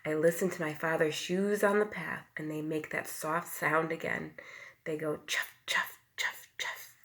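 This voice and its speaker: A woman teacher with a low voice reads a picture book aloud to young children, flat in delivery and unhurried. Even so, she acts out sound words by whispering and calling loudly, and she asks questions and explains things simply.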